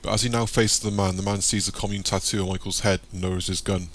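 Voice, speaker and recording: Low-voiced male audiobook narrator. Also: fast talker, slight background noise. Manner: plain, steady storytelling. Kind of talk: scripted narration.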